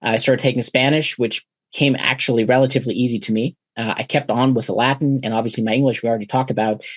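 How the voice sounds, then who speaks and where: A German-born man in his forties, a native German speaker, reflects thoughtfully on his past as a guest in a podcast interview, often using "uh" fillers and restarting sentences. His medium-pitched voice is fairly even in intonation, he talks fast, and there is no room sound.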